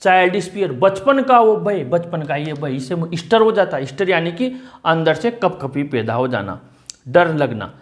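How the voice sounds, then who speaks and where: A man teaching a class, speaking with an Indian accent. He reads English lines slowly, then explains each word patiently and often repeats it. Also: a little high, lively intonation. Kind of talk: line-by-line textbook explanation.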